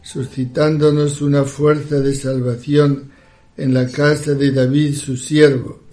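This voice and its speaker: A man leading a liturgical prayer in a solemn, measured recitation. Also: mid-range voice, level tone, warm tone.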